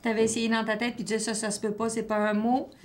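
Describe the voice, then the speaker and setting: A woman's voice: fairly high pitch, flat delivery, quick pace. A woman teacher, patiently questioning and encouraging a child during a one-on-one reading assessment.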